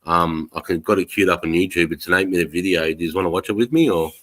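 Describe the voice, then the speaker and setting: A man's voice: low voice, fast talker, a bit bright. An Australian man hosting a casual livestream, chatting in a blokey, slangy way with plenty of swearing. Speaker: livestream host.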